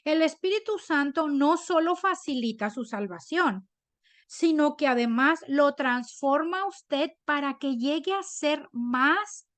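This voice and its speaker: A woman leading a women's Bible study. She shares a personal testimony in an animated, chatty way and often checks in with her listeners. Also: high voice, slow pace, no room sound.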